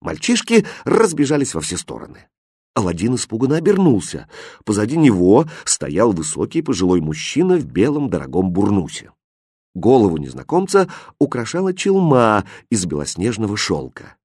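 A man's voice: lowish voice, moderate pace, slightly rough, no echo, clean studio sound. A man narrating a fairy tale expressively, acting out the characters. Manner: acts out the characters with lively shifts.

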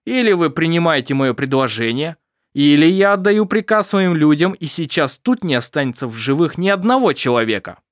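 Brief: male narrator doing a ruthless pirate captain, loud, raised, menacing, dry sound. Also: fairly high pitch, expressive, fairly quick, dry recording, pitched above the performer's own voice, lightly acted.

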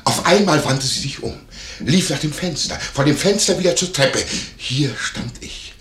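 A wheedling, nosy innkeeper. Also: male voice, a little high, animated, normal speed, a bit bright. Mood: fawning. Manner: wheedling, gossipy, eager. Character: fawning, nosy male innkeeper, middle-aged. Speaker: innkeeper in a radio play. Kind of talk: 1950s German radio play acting. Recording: roomy, faintly noisy 1951 radio recording.

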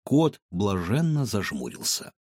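A man narrating a children's audiobook in an expressive storytelling manner. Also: fairly low pitch, unhurried, breathy edge, dry recording, studio quality.

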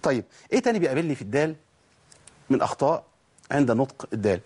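Husky Egyptian man teaching recitation. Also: medium pitch. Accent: Egyptian Arabic. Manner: colloquial and lively, drawing out letters slowly as examples. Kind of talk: tajweed lesson.

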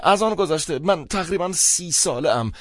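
A man's voice: fairly high pitch, animated, dry recording, clean studio sound, voice pushed up, close to an everyday voice. A man voicing a desperate, broke man of about thirty who pleads urgently and stammers, in an audiobook.

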